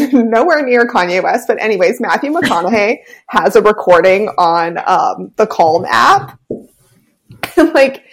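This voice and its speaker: A woman's voice: fairly high pitch, huge pitch swings, slow. A woman co-hosting a casual chat podcast, giggly and agreeable. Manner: giggly, agreeable, many "yeah"s. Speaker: podcast co-host.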